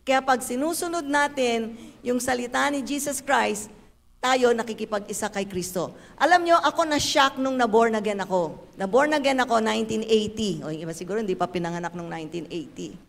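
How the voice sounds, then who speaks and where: A woman, giving a lively, playful church testimony. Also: fairly high pitch, a little fast, creaky, big-room sound. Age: 70s. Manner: animated, playful storytelling with acted dialogue. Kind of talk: sermon testimony.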